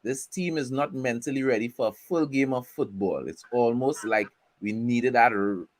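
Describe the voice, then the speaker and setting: A man's voice: mid-range voice, moderate pace, no room sound. A man co-hosting a casual football chat, joking in slang and reading out viewer comments. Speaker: podcast co-host.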